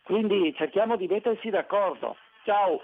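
Phone-in caller, a man with a high voice, hesitant and halting, tinny phone line. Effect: heard over a phone line. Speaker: radio caller. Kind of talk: casual call-in chat.

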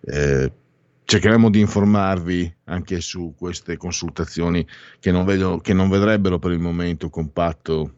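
A man's voice: low-pitched, a little mellow, dry recording, dull audio. An older man hosting a live radio talk show, commenting in a hesitant, rambling way and often correcting himself.

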